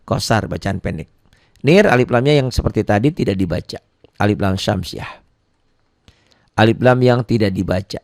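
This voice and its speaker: A man teaching beginners Quran recitation rules, patiently repeating points, asking and answering his own questions, and chanting phrases slowly between plain explanations. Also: on the low side, vocal fry, no echo, studio quality. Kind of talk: beginner tajwid lesson.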